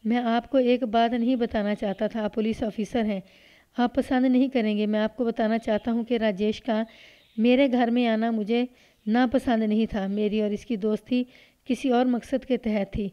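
A woman's voice: fairly high pitch, fairly even intonation, clear, resonant tone, natural voice. A woman voicing a defensive, educated young man under police questioning in a read-aloud story. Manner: defensive, then fearful. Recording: dull lo-fi recording.

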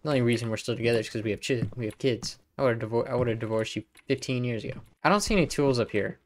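A man's voice: medium pitch, rapid-fire, a little hiss or hum. A man giving sarcastic, joking, profane commentary as he plays horror games. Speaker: gaming YouTuber. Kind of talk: gameplay commentary.

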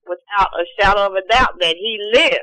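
Bright, high-voiced male radio show caller, preachy. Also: a little fast, low-quality recording. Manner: insistent, earnest, preachy. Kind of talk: call-in debate, preaching.

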